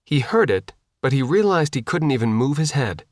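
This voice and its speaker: A man's voice: mid-range voice, sing-song, moderate pace, dry recording, clean studio sound. A man reading an audiobook in a plain, matter-of-fact storytelling voice. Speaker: audiobook narrator. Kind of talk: scripted audiobook narration.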